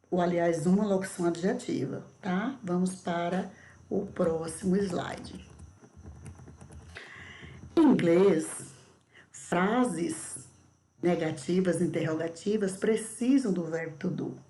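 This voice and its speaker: Slow, mellow-voiced Brazilian woman teacher. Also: lowish voice. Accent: Brazilian Portuguese. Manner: explains patiently, repeats words slowly, says "tá?" and "ó" often. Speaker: English teacher. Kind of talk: remote video lesson with slides.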